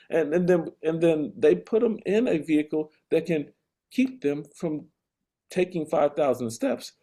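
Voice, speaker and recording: Mellow-voiced man on an emphatic comic rant. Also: on the high side. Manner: emphatic, repeats phrases for comic effect, builds to exasperation. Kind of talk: casual conversational rant.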